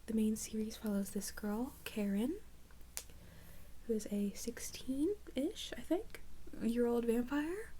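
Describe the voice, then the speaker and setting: A young woman in a whispered role-play as a librarian, speaking in a soft, halting whisper. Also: a little high, a little hiss or hum. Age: young adult. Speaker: ASMR creator playing a librarian.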